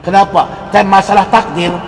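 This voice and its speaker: A man giving an animated religious lecture, asking his audience rhetorical questions. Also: sits high, moderate pace. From Indonesia. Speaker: religious teacher. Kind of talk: lecture on creed. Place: lecture hall. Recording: reverberant hall with faint noise.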